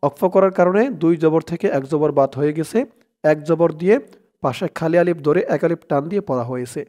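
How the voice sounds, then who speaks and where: A man teaching Quran recitation, chanting verses slowly and drawn out, then explaining letters and vowel marks in quick asides and asking listeners to repeat after him. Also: a little high, dark tone. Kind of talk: recitation lesson with call-and-repeat.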